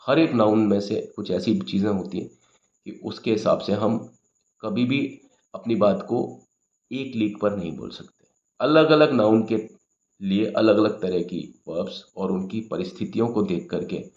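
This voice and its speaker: A man with a very low, gravelly voice works slowly through a grammar lesson, repeating each point and checking that the listener follows. The sound is dull and lo-fi, with a noticeable room echo. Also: a little mellow. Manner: patient, repetitive explaining with frequent "ठीक है" check-ins. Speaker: English teacher.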